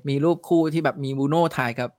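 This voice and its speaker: Fast blunt man on a dry mic. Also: a little high, a little mellow, dry recording. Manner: blunt, swears casually. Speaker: podcast co-host. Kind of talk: casual football chat.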